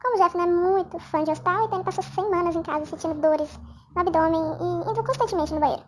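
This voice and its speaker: A man narrating a story in a jokey, chatty way, his voice sped up and pitched into a chipmunk voice. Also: fast talker, noisy background. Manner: jokey, chatty, self-mocking.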